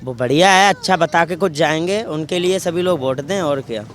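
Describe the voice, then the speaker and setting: A man with a high voice argues his case on the street. He answers back with rhetorical questions. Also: brisk, a bit bright. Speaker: local resident interviewed on the street.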